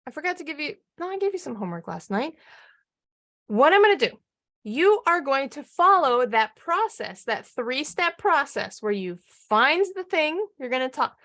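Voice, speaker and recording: A woman coaching a live online marketing training, energetic and upbeat, often firing questions at her audience. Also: high-pitched, moderate pace.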